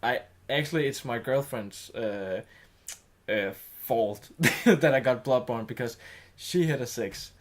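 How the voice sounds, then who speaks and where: A man's voice: medium pitch, slight background noise. Danish guy chatting in english, stops and restarts a lot, laughs easy. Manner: halting, many restarts and fillers, laughs easily. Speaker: guest. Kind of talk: casual chat.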